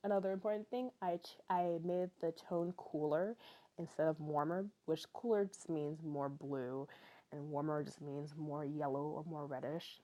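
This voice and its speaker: The audio is dull, carrying a deep, mellow female voice that stays steady at a normal pace. She's a weary young vlogger in her twenties narrating casually in native English, rambling with frequent fillers and small laughs.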